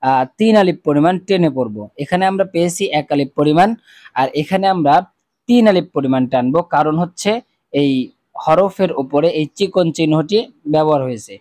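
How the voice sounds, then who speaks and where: A man's voice: on the high side, darkish tone. Patient male Quran reading teacher. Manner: patient, repeats each rule and sound slowly for viewers to echo. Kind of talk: step-by-step recitation lesson.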